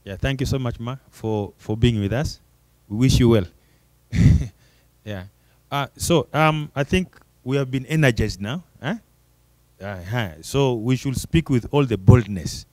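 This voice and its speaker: A man's voice: mid-range voice, a little slow, darkish tone, dry recording. A man moderating an event session in an informal, conversational and encouraging way.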